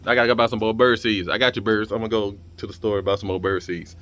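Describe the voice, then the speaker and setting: A man's voice: on the low side, fairly even intonation, fast talker, fairly bright tone. A young man talking straight to camera in a casual vlog, blunt and heated, swearing freely and stumbling over repeated words. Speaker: vlogger and streamer.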